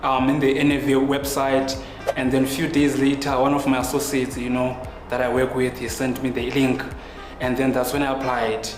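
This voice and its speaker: Reflective man, flat tone. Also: medium pitch, normal speed. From South Africa. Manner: reflective, loose with fillers. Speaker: youth filmmaker in the program. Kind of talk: documentary interview. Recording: echoey room with music behind.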